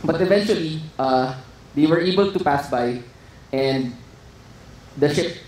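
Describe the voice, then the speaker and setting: A man's voice: on the high side, measured pace, darkish tone. A man giving a conference talk, hesitant and full of fillers and restarts. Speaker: conference speaker. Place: conference hall. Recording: echoey hall with faint noise.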